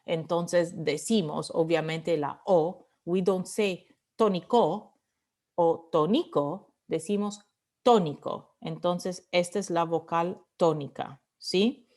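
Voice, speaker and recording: In a Spanish grammar lecture, a woman whose voice sits on the low side, steady and a touch mellow, alternates between Spanish and English. She repeats words at a slow pace so students can hear the stress.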